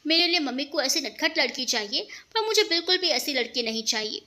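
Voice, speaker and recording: A woman voicing a calm, quick-witted young male lecturer with a dry wit. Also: sits high. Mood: amused. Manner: dry, witty.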